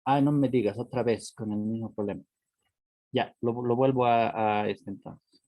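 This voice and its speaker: This male online teacher speaks at normal speed with a medium, warm voice and fairly even intonation, recorded dry. Patient and explanatory, he repeats words and checks in with "¿no?" and "¿sí?" after almost each phrase.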